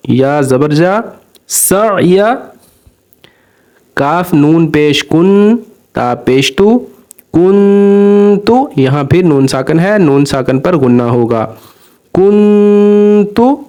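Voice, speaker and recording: A man teaching Quran recitation, spelling out each letter and syllable and then drawing out the joined word slowly and patiently. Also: medium pitch, a little mellow.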